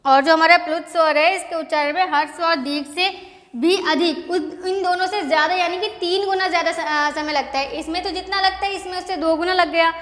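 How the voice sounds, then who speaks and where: A woman's voice: extremely high pitch, steady tone, a little fast, fairly bright tone. A woman teacher giving a patient classroom lesson, asking the class questions and repeating the answers. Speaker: school teacher. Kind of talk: classroom lesson on vowels, dictating slowly. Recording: echoey classroom with long reverb.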